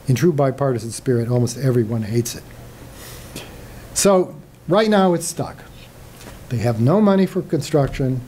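An older man gives a slide lecture in a hall, his voice mellow and unforced. He talks conversationally, stopping for fillers and restarting phrases as he goes. A faint hiss of room noise sits behind him. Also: mid-range voice, animated, moderate pace, pauses often.

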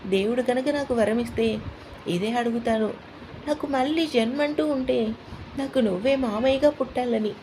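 A woman's voice: a little high, normal speed, dark tone, a little hiss or hum, natural voice, low-quality recording. A woman voicing an eager young niece who dreams of studying medicine, speaking in a tender, pleading way.

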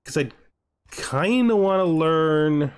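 A gaming video host plays a strategy game with background music, giving casual commentary as he reasons aloud to himself. He speaks slowly and clearly in a slightly high, resonant voice with lively intonation.

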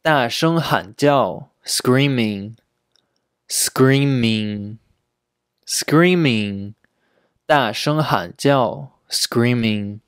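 A man's voice: mid-range voice, clear, resonant tone, dry recording. Male English teacher, repeats each phrase, dry close-mic sound. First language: Chinese. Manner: repeats each word and sentence several times, slow and deliberate. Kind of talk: slow repeated pronunciation drills.

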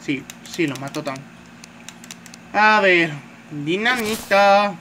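A man talks his way through a game in a loose, chatty commentary, tossing in a filler word at every turn. His voice sits somewhat high for a man. A steady hiss of noise hangs behind a phone-mic recording. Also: slow pace. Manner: chatty, says "tío" constantly, swears at enemies. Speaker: gamer. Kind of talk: casual gameplay commentary.

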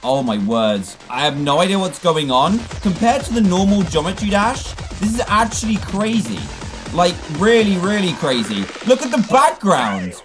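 A young man giving excited gameplay commentary as a gaming YouTuber, shouting and yelping at every fail and win. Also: high-pitched, normal speed, music in the background. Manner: excitable, shouts and yelps at fails and wins.

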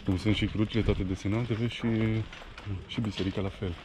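A man's voice: fairly low pitch, steady tone. Chatty man vlogging on an outdoor camera. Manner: chatty, reads grave verses aloud. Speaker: motovlogger. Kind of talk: casual travel vlog chat. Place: outdoors in a village cemetery. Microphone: action camera. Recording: outdoor camera audio with background noise.

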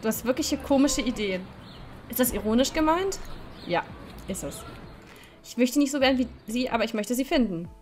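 A woman's voice: a little high, animated, moderate pace, pauses often, a little hiss or hum. Playful woman reading a game aloud. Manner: playful, laughing at her own slips. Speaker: let's-play host. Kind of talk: reading a dating game aloud, voicing every character.

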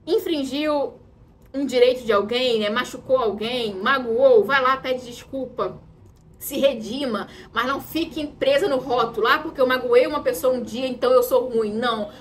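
A woman's voice: high voice, a little hiss or hum. A Brazilian woman giving an emphatic motivational talk as a mentor, repeating her key phrases for stress. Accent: Brazilian Portuguese. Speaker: women's mentor.

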